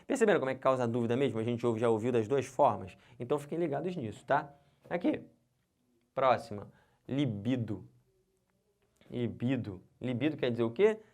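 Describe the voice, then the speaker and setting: Brazilian male teacher, middle pitch, upbeat, keeps checking that the class follows. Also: fast. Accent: Brazilian Portuguese. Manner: lively, talks straight to viewers with constant check-ins. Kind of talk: exam-prep lesson.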